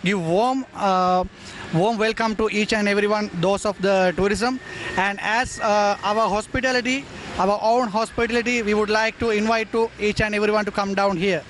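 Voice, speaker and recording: Brief: Sri man, high voice, courteous halting invitation, faint street noise. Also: fairly even intonation, fairly bright tone. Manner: polite, inviting, hesitant. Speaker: hotelier.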